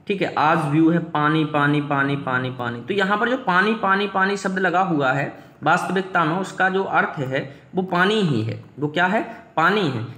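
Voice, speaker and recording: A man's voice: high voice, fairly bright tone, roomy sound. A male teacher giving an exam-prep grammar lesson, asking his students questions and answering them himself.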